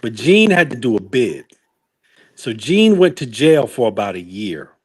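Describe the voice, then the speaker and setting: Man, podcast guest, casual chat, rambling anecdotes, self-corrections, mid-pitched voice. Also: sing-song, unhurried, breathy edge.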